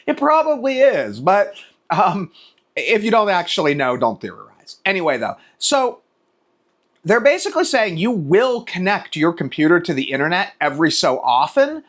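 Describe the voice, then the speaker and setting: A man's voice: fairly high pitch, a bit bright. A man giving a casual, off-the-cuff opinion rant in an exasperated, emphatic way, swearing casually and repeating words for emphasis. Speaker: video creator.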